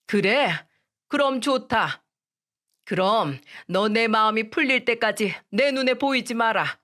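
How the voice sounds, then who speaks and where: A woman voicing a stern middle-aged mother-in-law in a radio story, speaking slowly and scolding. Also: on the high side, bright, forceful tone.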